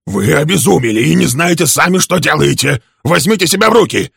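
A man voicing a hoarse older gentleman who pleads and commands to calm a quarrel in his home. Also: fairly high pitch, a little fast, no room sound, clean studio sound, voice pushed up, heavily acted. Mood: stern. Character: older male host, stern and placating.

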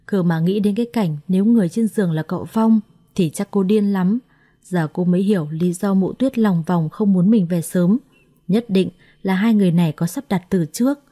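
A woman narrating a story in a steady, expressive way. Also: mid-range voice, moderate pace. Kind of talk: scripted narration.

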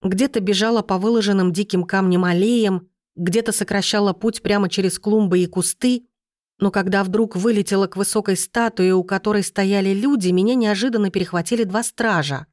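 A woman's voice: mid-range voice, brisk, darkish tone, dry recording, studio quality. A woman narrating a first-person fantasy audiobook in an urgent, emotional way.

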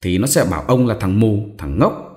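A man's voice: fairly low pitch, lively intonation, moderate pace, a little mellow, lightly acted. A man voicing a scornful defiant young wife. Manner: mocking, scornful, bold. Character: sharp-tongued defiant young mistress wife.

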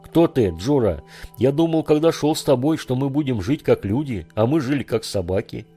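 A man's voice: mid-range voice, expressive, moderate pace, warm tone, husky, faint music behind, voice pushed up. A man reading a storybook voicing a greedy, sly grown bandit who pleads and talks back insolently. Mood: indignant.

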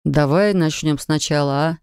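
A woman voicing a troubled husband, an investigator, who speaks in a soft, coaxing and pained way. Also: deep voice, steady tone, brisk, no room sound, clean studio sound. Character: troubled husband, an investigator, gentle but wounded.

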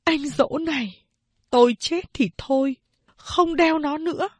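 A woman voicing a grieving old mother who laments and pleads in a high, tearful voice. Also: unhurried, no echo. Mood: tearful pleading.

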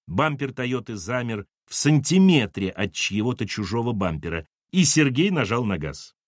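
A man narrating a novel in an expressive, animated reading. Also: medium pitch, no echo, studio quality. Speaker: audiobook narrator. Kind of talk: scripted narration.

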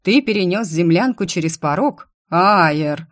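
A woman's voice: on the low side, lively intonation, a little slow, no echo, studio quality. A woman voicing a playful, teasing male alien brother in a story.

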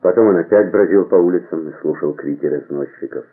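A man reading a novel aloud as an audiobook narrator, in a measured, expressive way. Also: low voice, breathy edge, faint music behind. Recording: tinny phone-like band.

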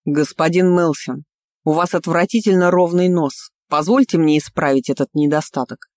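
A man's voice: fairly high pitch, little pitch movement, a little fast, a little mellow, no echo, studio quality, voice pushed down, lightly acted. A woman voicing a proud young nobleman, a count who speaks in a clipped, restrained way. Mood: icy.

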